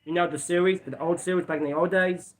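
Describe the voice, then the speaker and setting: A man's voice: high-pitched, steady tone, fast. A man casually reviewing cartoon episodes in a rambling, repetitive way, with bouts of coughing. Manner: rambling, repeats "let's be honest". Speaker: video reviewer.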